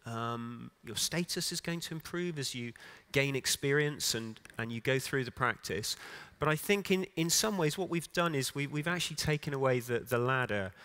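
Middle-aged male keynote speaker, mid-range voice, halting and unscripted, conference stage. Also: mid-range voice, lively intonation, bright, forceful tone. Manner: unscripted, halting, many restarts and fillers. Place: conference stage in a large hall.

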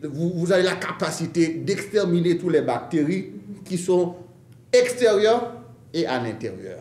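Man acting high-voiced, insistent miracle salesman. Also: sing-song, measured pace, a little mellow. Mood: eager, salesy. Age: middle-aged. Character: excitable middle-aged salesman touting a miracle product. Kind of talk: sketch comedy acting. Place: indoor brick-walled room. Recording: roomy indoor sound, faint music.

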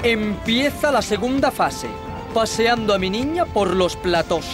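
A woman's voice: medium pitch, lively intonation, measured pace, natural voice. A doting, self-pitying stage mother sighs melodramatically, as a woman acts her out. Music runs underneath her in this comic sketch. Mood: melodramatic. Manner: melodramatic, sighing.

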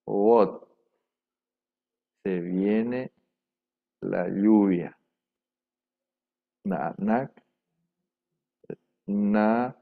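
Male teacher, very slow dictating delivery, lowish voice, dull lo-fi mic sound; repeats each word patiently for the class. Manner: repeats words slowly and carefully, dictating to students. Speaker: language teacher. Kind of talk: slow repetitive language class. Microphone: microphone. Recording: dull lo-fi room microphone.

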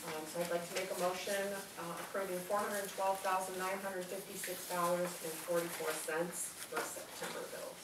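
A woman's voice: lowish voice, flat delivery, normal speed, hardly any pauses. A woman trustee presenting bills and making motions at a board meeting. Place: small indoor meeting room. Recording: echoey room, far mic, loud noise.

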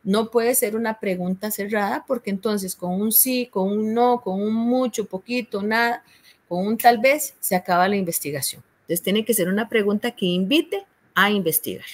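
Speaking at normal speed in a mid-range voice, a Costa Rican tutor at a university explains a course assignment with patience. She often pauses to ask "¿verdad?" and has a Costa Rican Spanish accent.

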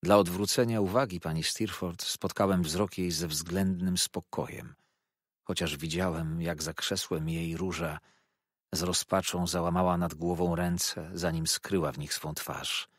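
A man narrating a classic novel as an audiobook in a grave, measured way. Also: low-pitched, fairly even intonation, no room sound, clean studio sound. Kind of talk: scripted literary narration.

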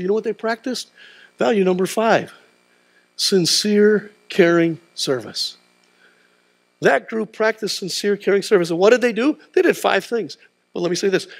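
A middle-aged pastor preaches at normal speed in a high-pitched, sing-song voice with vocal fry, pacing the stage of a large church auditorium. He prods the congregation through call-and-response tag questions such as "huh?"

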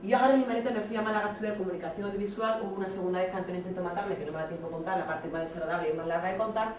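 A woman in her thirties with an accent from Spain, giving a blunt, animated theatrical monologue to students. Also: on the low side, very fast, a little hiss or hum. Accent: Spain Spanish. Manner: animated, blunt, acts out scenes. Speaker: speaker addressing students. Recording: echoey hall from far off.

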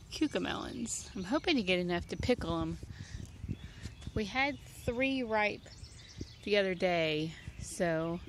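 This woman in her thirties has a medium-pitched voice and gives a relaxed, meandering tour of her backyard garden, peppered with ums as she thinks. She records it herself outdoors with a handheld phone camera. The background is noisy with birds and nature sounds.

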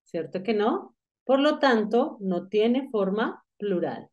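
A woman's voice: mid-range voice, expressive, slow, darkish tone, dull audio. A woman teaching an English grammar lesson, explaining patiently and asking the student questions as she goes. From Colombia.

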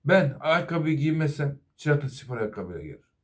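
A man's voice: on the high side, sing-song, fairly quick. A middle-aged man, a master auto mechanic, giving an earnest safety talk to fellow workers and apprentices. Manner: earnest, advising, repeatedly addressing "arkadaşlar".

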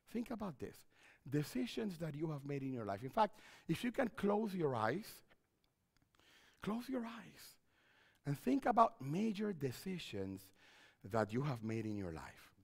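A middle-aged pastor speaks with a high voice that rises and falls widely, often repeating himself as he paces. He wears a headset mic on a church stage. The sanctuary adds a long reverb to his words. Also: creaky, breathy edge. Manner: animated, repeats phrases, wide hand gestures while pacing. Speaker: pastor and counselor giving a seminar. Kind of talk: seminar talk in church.

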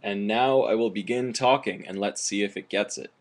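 A young man with a low voice is dictating to his phone. He words each phrase deliberately and clearly, recorded on a webcam in a room at home. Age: 20s. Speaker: gadget reviewer. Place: small room at home, indoors. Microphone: webcam at arm's length.

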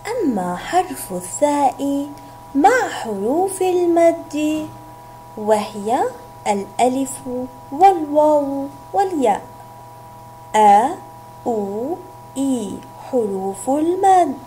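Woman teacher, high mellow voice, unhurried children's phonics lesson, soft music underneath. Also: very animated. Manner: drawn-out repetition of sounds and words. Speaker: kindergarten teacher. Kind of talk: slow, clearly articulated phonics lesson for young children.

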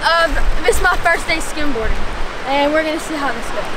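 A teenage girl with a high voice talks playfully to the camera. Noticeable background noise runs under the outdoor recording. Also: animated, fairly quick. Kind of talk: casual chat on camera. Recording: noisy outdoor phone audio.

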